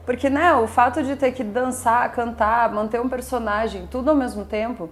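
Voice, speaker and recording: A woman's voice: a little high, steady tone, moderate pace. A young Brazilian woman, a musical theatre performer, chatting casually as an interview guest and often ending her points with little tag questions. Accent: Brazilian Portuguese.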